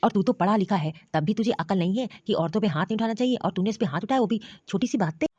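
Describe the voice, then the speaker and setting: Stern protective old father-in-law for a cartoon, voiced by a woman, fast scolding delivery, dull dry lo-fi sound. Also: medium pitch, mellow, slightly rough, no echo, lightly acted. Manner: scolding, commanding. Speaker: cartoon voice actor. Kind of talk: storybook cartoon dialogue.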